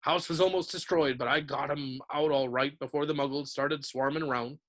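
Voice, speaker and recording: A man reading as Hagrid, a big rough-spoken giant. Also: on the high side, fairly even intonation, normal speed, a bit bright, natural voice. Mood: earnest. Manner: plain country speech, tearful. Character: huge soft-hearted male giant, rough-spoken.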